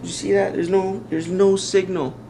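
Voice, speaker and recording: A man's voice: high voice, little pitch movement, moderate pace, creaky, noisy background. A man playing an overexcited wrestling superfan in a mockumentary, gushing in a fanboy way. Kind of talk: mockumentary acting.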